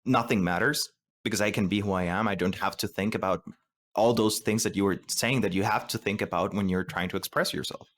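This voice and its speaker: Low-voiced man. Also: brisk, a bit bright. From Costa Rica. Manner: thoughtful, hesitant, restarts words while searching for them. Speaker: co-host. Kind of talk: podcast discussion.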